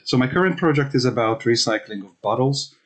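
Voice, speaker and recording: A man's voice: mid-range voice, animated, brisk. A man from Hungary in his thirties, a researcher answering interview questions thoughtfully, with many fillers and restarts.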